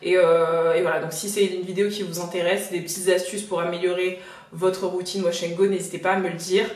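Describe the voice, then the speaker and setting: A young woman, a little sick, chatting casually through a hair tutorial at home, pausing often with fillers. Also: on the low side, flat delivery, reverberant. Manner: chatty, many filler pauses. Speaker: hair care vlogger. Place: home, washing machine spinning nearby.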